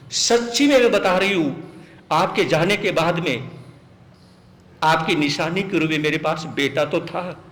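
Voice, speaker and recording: A man's voice: sits high, a bit bright, full character voice. A man voicing a devoted young queen who pleads tearfully with her husband. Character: grieving devoted queen Tara, adult woman. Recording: echoey hall with long reverb.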